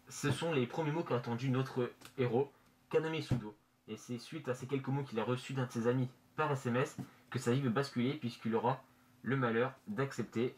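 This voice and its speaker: A man presenting casually in a halting, hesitant way, his voice slightly muffled through a face mask in a bedroom. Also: medium pitch. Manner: hesitant, halting, searching for words. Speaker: manga review vlogger. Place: bedroom, indoors. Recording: noisy amateur room recording.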